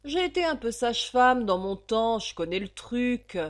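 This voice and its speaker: A woman voicing a coarse, greedy old female innkeeper with a hoarse, gravelly voice, loud and bullying. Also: a little high, animated, moderate pace, pitched above the performer's own voice, lightly acted. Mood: wheedling.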